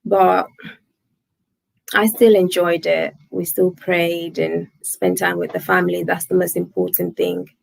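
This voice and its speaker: A woman's voice: on the low side, little pitch movement, a little slow, gravelly, no room sound, rough recording. A woman in her twenties, hosting a casual livestream, chatting with viewers, laughing often and thanking them by name. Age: 20s. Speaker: livestream host. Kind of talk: casual live chat reading viewer comments.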